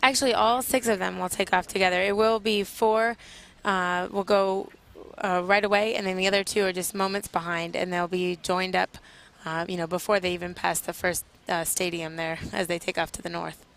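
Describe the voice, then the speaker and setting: A woman's voice: fairly low pitch, steady tone, moderate pace, creaky. A woman from a military flight team giving live air show commentary as an interview guest, explaining things informally.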